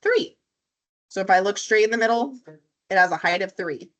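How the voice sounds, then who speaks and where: A woman's voice: mid-range voice, lively intonation, normal speed, fairly bright tone. A woman math teacher who is losing her voice from illness, walking a classroom through problems step by step and quizzing students as she goes. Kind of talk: classroom lesson.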